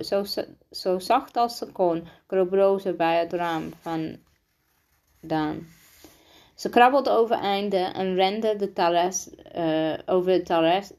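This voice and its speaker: A woman reading a children's book aloud, halting often and restarting words as she stumbles over the text. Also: on the low side, darkish tone. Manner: halting, frequent restarts and slips. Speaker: reader.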